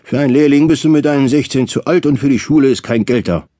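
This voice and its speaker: A man's voice: medium pitch, fast talker, dark tone, no echo, studio quality, voice pushed up, lightly acted. A man voicing a nosy older hotelier in an audiobook, speaking in a prying, reproachful way. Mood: gossiping. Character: nosy older male small-town hotelier, gossiping. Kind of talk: audiobook character reading.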